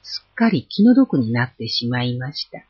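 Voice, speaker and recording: Here a husky-voiced storyteller brings a folk tale to life with an animated delivery and much pitch movement, at a moderate pace. The audio is dull and lo-fi, without echo.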